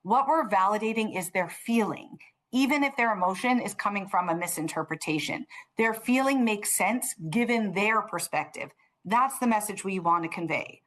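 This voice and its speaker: Calm woman giving a parenting webinar, steady and clear, explains things step by step. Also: mid-range voice. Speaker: presenter. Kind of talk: webinar presentation.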